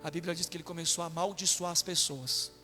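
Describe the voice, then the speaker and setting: A man from Brazil, a pastor preaching a sermon with animated delivery, acting out quotes in a raised voice. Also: a little high, quick pace. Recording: long hall reverb with faint music.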